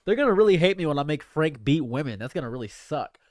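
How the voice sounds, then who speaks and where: A man's voice: fairly high pitch, sing-song, fast, darkish tone, no echo, studio quality. A man in his late twenties chatting casually on a livestream, rambling and repeating his phrases. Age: late 20s. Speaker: streamer.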